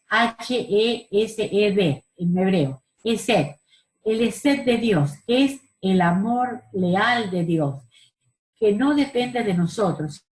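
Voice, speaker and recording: A woman's voice: medium pitch, a little mellow, reverberant, low-quality recording. A woman teaching a Bible study class over a video call, explaining verses and asking the group questions. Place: home room on a video call.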